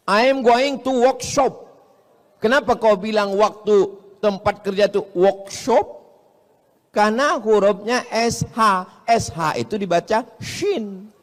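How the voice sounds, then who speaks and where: A man's voice: sits high, slow pace, long reverb tail. A man preaching to a crowd in a joking, teasing way, with a flair for mimicking voices. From Indonesia. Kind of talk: humorous sermon to a large audience.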